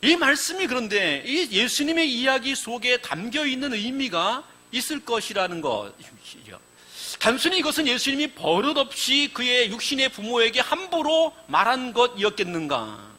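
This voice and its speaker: Man, pastor, sermon, bright tone, lively swinging pitch, animated storytelling. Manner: animated storytelling, acting out quoted lines.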